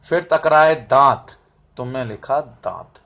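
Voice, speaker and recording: A man's voice: mid-range voice, expressive, slow, creaky, fairly bright tone. A man teaching a lesson to students. He calls them बेटा, repeats terms and syllables to drill them, and keeps checking whether they understand. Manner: drills terms and asks "समझ में आ रहा है?" to check understanding. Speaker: Hindi teacher. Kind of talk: recorded classroom lesson. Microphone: camera mic, set up and adjusted by himself.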